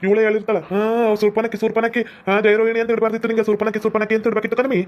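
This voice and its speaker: A sulky young cartoon husband, voiced by a man, grumbles in a North Karnataka accent. He talks fast in a high, flat voice. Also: close to an everyday voice. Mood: resentful. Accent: North Karnataka Kannada. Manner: grumbling, resentful. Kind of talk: cartoon comedy voice acting.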